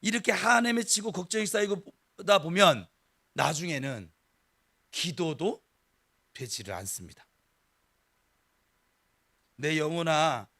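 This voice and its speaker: A middle-aged male pastor preaching a sermon, animated and dramatic, now and then acting out grumbling people in a regional dialect. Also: high-pitched.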